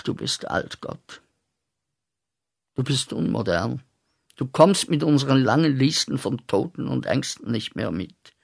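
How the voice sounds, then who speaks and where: An actor playing a bitter young man back from the war in a radio play, who accuses God in a voice that swings from muttering to shouting. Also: mid-range voice, creaky, breathy edge, heavily acted.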